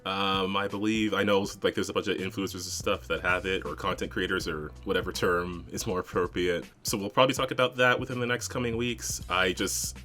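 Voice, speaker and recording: A man's voice: low-pitched, fairly even intonation, fairly quick, hardly any pauses, bright, forceful tone, faint music behind. A man co-hosting a podcast, chatting casually about running tabletop games, rambling with lots of fillers and frequent laughs. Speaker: podcast co-host and game master. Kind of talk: casual chat.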